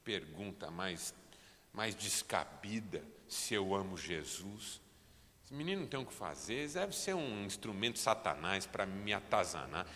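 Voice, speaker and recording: A man's voice: sits low, expressive, a little slow, bright, forceful tone, a little hiss or hum, exaggerated voice. A Brazilian man voicing a proud, angry preacher who mutters with contempt, in a reverberant church hall. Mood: scornful. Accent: Brazilian Portuguese.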